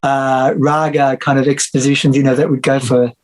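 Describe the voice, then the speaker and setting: A man's voice: medium pitch, flat delivery, moderate pace, low-quality recording. A middle-aged Australian man from Victoria, chatting casually about his music in an interview, with many fillers and restarts. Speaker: musician and music teacher, guest.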